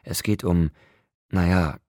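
A man's voice: low-pitched, slow pace, no echo, studio quality. A man voicing a frail, stubborn young woman. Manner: quiet, soothing, stubborn.

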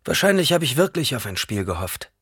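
A man voicing an earnest, thoughtful young nobleman who speaks in a quiet, measured way. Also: medium pitch, very animated, husky, no echo, clean studio sound, voice pushed up, exaggerated voice.

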